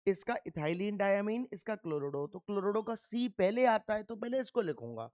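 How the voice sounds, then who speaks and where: A man's voice: sits high, lively intonation, a little fast, darkish tone, no echo. Dry, drilling male chemistry teacher. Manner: quizzes the viewer with repeated questions and answers them himself; firm, scolding reminders to pay attention. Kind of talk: classroom lecture.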